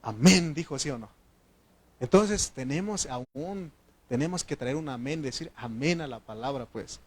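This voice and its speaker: A man with a Mexican Spanish accent preaching a sermon as pastor, animated and shouting at times, calling his congregation "brothers" and asking them to answer "amen". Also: mid-range voice, a little slow, breathy edge. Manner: addresses the congregation as brothers, asks yes or no.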